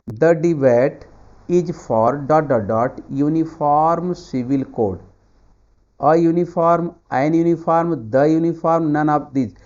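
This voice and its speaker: Man teaching grammar, Indian accent, dark voice. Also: medium pitch. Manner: repeats key words, drills viewers with timed quiz questions. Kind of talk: online exam-prep grammar lesson.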